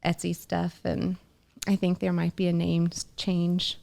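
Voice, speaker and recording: A woman with a lowish voice and a lot of vocal fry. She talks things through in a reflective, easygoing way during a casual podcast chat. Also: completely flat delivery, unhurried, darkish tone. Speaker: podcast co-host. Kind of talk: casual conversation.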